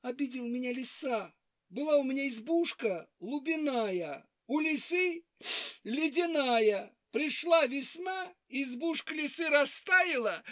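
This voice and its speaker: Storybook hare, small and timid, whiny and high, voiced by a woman narrator. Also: no room sound. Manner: high, plaintive, hurried complaining. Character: weepy timid little hare, male.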